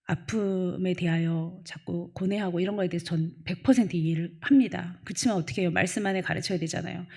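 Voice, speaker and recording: Husky gravelly-voiced woman pastor preaching. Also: lowish voice. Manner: swings from loud emphatic preaching to quiet storytelling. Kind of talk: sermon.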